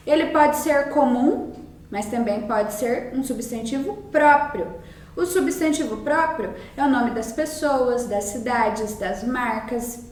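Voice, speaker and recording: A woman with a Brazilian accent talks young pupils through a worksheet in a recorded lesson. Her voice sits high and she takes her time, repeating each point patiently. The sound is roomy, and her mic is set some way off. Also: a little mellow, distant mic. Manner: slow, patient explaining with many repetitions. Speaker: primary school teacher.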